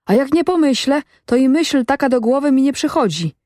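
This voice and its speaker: A woman's voice: high voice, expressive, a little fast, a little mellow, no room sound, clean studio sound, pitched above the performer's own voice. A woman voicing a wary, stubborn peasant man who gives evasive, guarded replies in a storybook reading.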